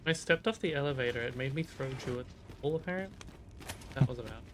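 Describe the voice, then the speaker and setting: A man streaming a video game, chatting casually, joking and swearing with sudden excited outbursts. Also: medium pitch, quick pace, background noise. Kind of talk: casual live-stream chat.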